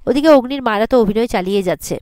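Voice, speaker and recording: A woman's voice: fairly high pitch, racing, a little mellow, clear, resonant tone, no echo, studio quality. A woman casually recapping a TV serial episode, retelling scenes and reading out the characters' lines with filler sounds.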